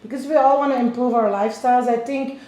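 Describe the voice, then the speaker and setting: A woman's voice: a little high, steady tone, fast, mellow. A woman in her fifties from Belgium, a real estate agent interviewing clients in a casual chat, explaining at length with many restarts. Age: 50s. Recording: echoey room.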